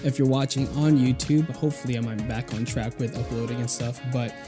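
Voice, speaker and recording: A man's voice: mid-range voice, fairly even intonation, brisk. Young man, casual podcast host, echoey room, music behind. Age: young adult. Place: echoey room in a new apartment, makeshift studio.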